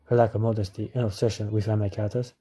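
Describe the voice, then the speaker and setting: A man's voice: fairly low pitch, level tone, racing, warm tone, husky. A man narrating a scripted review as an anime reviewer.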